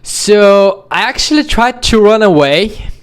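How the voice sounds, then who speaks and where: Young man telling a story, slightly high voice. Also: a little slow, clean tone. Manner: animated, acts out the scene with quoted voices. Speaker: vlogger. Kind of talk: casual storytelling to camera.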